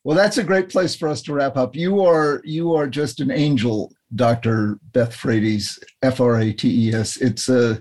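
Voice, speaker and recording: A man's voice: mid-range voice, steady tone, unhurried, hardly any pauses. A man hosting an interview as a psychiatrist, affirming his guest and agreeing often. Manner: warm, affirming, frequent agreement. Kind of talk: conversational interview.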